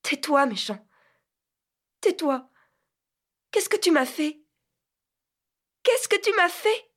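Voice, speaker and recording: A woman's voice: high voice, very animated, slow pace, fairly bright tone, voice pushed up, exaggerated voice. A woman voicing a fierce, tearful teenage girl in love in an audiobook, pleading and wailing with rising cries. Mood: anguished. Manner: wailing, pleading, sometimes whispering.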